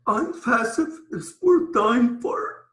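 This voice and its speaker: A man on a video call giving a tearful, halting personal testimony. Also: extremely high pitch, animated, fairly bright tone, reverberant, rough recording. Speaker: community member.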